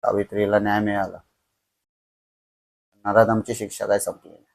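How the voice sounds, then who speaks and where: Young guy telling a horror story on a podcast, slow, dramatic, goes quiet and hushed at the scary bits. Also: lowish voice, level tone, gravelly.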